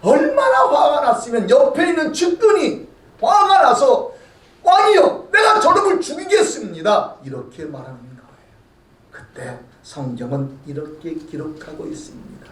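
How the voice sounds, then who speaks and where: Korean pastor preaching dramatically in a church. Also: male voice, very high-pitched, big pitch swings, normal speed, far from the mic. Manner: dramatic preaching, acting out scripture voices, bursts of shouting. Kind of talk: sermon. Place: church sanctuary. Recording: roomy church sound from off mic.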